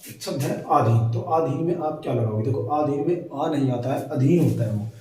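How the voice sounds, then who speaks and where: Echoey teacher far from the mic. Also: male voice, medium pitch, warm tone. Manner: repeats checks like "ठीक है" and "है ना"; stretches words out slowly to spell them. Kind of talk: exam-prep lesson. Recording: very echoey room, far from mic, faint noise.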